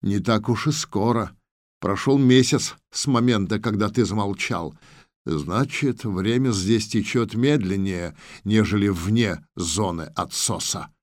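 A man reading the lines of a stern male commander, curt and quiet. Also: lowish voice, a little slow, dry recording, studio quality, close to an everyday voice. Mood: thoughtful.

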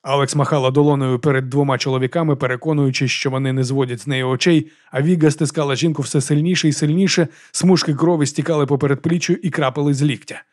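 A man's voice: a little high, fairly even intonation, quick pace, few pauses, darkish tone. A man narrating a fantasy audiobook with dramatic storytelling.

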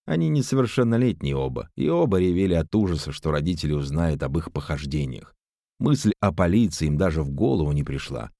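A man voicing a steady male detective who explains matter-of-factly. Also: sits low, dry recording, clean studio sound, heavily acted.

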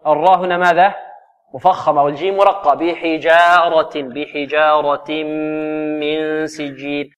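A man teaching a Quran recitation lesson. He quizzes his students and draws verse words out slowly to demonstrate them. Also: on the high side, a bit bright, dull audio. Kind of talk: tajweed lesson.

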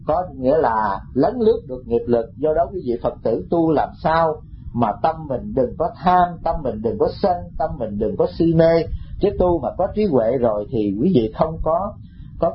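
A man's voice: mid-range voice, lo-fi sound, a little hiss or hum. A male Buddhist monk giving a dharma talk, telling stories and addressing the listeners directly. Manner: storytelling, addresses the audience directly.

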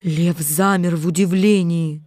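A woman narrating a children's story in a measured, unhurried reading. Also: lowish voice, steady tone, darkish tone, no echo, studio quality.

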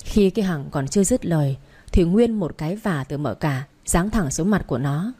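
Low mellow woman narrating a story. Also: lively intonation, normal speed, breathy edge. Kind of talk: first-person storybook narration.

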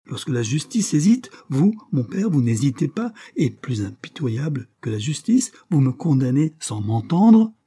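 A man's voice: fairly low pitch, fairly even intonation, normal speed, few pauses, dark tone, slightly rough. A man voicing a desperate young man accused of theft, speaking in impassioned, pleading outbursts.

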